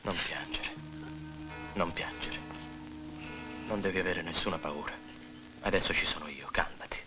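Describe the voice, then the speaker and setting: A man playing a deep-voiced protector. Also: normal speed, over music, natural voice, low-quality recording. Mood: soothing. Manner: low, hushed and steady reassurance. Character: protective, grim man vowing revenge. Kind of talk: dubbed 1970s film drama.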